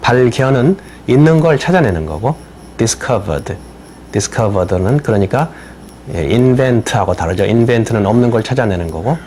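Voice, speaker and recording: An older man, an attorney and native Korean speaker, giving a slow explanatory lecture on citizenship English and spelling words out letter by letter. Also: medium pitch, expressive, darkish tone, slight background noise. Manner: spells words letter by letter, repeats phrases slowly.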